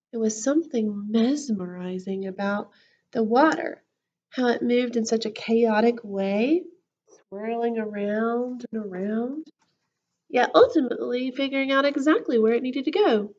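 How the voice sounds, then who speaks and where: A woman reading a children's story aloud in an expressive, animated way, like a school counselor with a class. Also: fairly high pitch, muffled recording.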